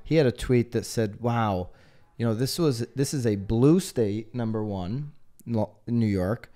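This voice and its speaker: Smooth, mellow-voiced male podcast host. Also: mid-range voice, measured pace. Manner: energetic, presents statistics in a chatty way. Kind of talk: casual podcast chat.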